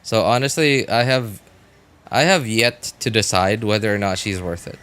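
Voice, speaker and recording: Muttering to himself and chatting haltingly with his audience, a man livestreams gameplay with casual commentary. His pitch sits fairly low, and his tone is clean and fairly bright.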